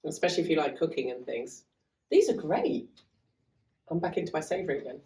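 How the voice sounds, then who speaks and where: Woman, low voice, chatty and rambling, self-deprecating, recorded a little away from the mic in an echoey half-open barn. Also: very animated, fairly quick, mellow. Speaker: guest running a farm learning hub. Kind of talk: casual podcast chat. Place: half-open converted cart lodge on a farm. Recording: echoey room, mic at a distance.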